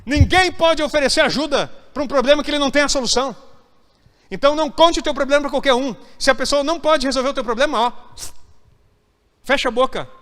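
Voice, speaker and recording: A man's voice: extremely high pitch, fast talker, a bit bright. A man preaching an emphatic sermon as a pastor, now and then acting out whiny church members. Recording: hall reverb.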